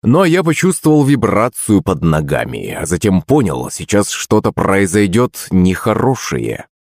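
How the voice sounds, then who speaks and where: A man's voice: fairly low pitch, very animated, unhurried, a little mellow, no echo, clean studio sound. A man narrating a first-person audiobook. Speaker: audiobook reader.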